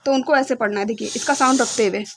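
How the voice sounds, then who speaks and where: A young woman teaching beginner English phonics, slowly spelling out each sound and often checking that her learners follow. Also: fairly high pitch.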